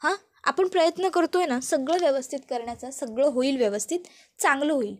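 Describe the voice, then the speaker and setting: A woman voicing a calm businessman who speaks in a measured, reassuring way. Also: high voice, natural voice. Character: calm jailed businessman, steady older brother.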